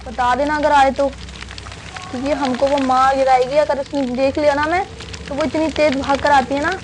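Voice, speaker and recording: A woman's voice: sits high, little pitch movement, normal speed, noisy background. A young woman hosting a horror game let's-play, chatting casually to viewers and keeping up a stream of questions to a helper beside her. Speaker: gaming video host.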